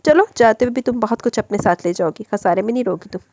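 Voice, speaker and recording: A woman putting on a wealthy older husband, patient and gentle, with a tired softness. Her carries into his lines. The voice is close and dry. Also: on the high side, animated, quick pace, dry recording. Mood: soft. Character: older rich husband, calm and patient man.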